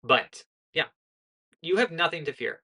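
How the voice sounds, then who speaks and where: In casual political commentary, a young adult American woman speaks in a deep, slightly rough monotone at a somewhat slow pace. She's earnest and lecturing in tone and keeps correcting herself mid-sentence.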